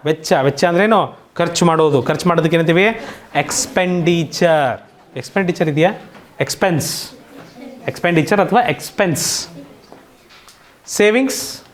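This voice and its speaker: Low-voiced Kannada woman teaching vocabulary. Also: normal speed, pauses often. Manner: drills words, asks questions and answers them herself. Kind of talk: online coaching class.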